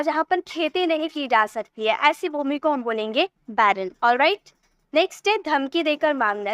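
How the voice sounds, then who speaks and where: High-voiced Indian woman teaching English words. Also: a bit bright, dry recording. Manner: repeats each word slowly, drawn-out English examples. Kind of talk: vocabulary lesson.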